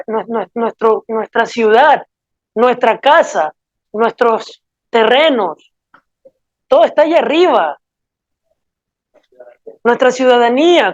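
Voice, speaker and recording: Woman preacher, fairly high voice, earnest and pleading, dull dry recording. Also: darkish tone, no echo. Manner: earnest, pleading, asks rhetorical questions. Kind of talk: sermon.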